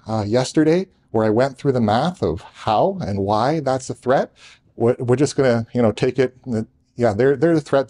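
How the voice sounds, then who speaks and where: Male presenter, mid-pitched and mellow, live tech talk in a conference room, hurried with repeated restarts, jokes with the room. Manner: rushed, talking fast with restarts; jokey asides to the room. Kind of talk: technical presentation to a live audience.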